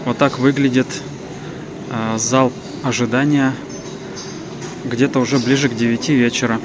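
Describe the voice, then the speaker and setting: A man's voice: mid-range voice, steady tone, normal speed. A man giving a casual trip-report narration as a travel vlogger walking through an airport terminal. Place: large indoor airport terminal. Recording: noisy airport terminal ambience.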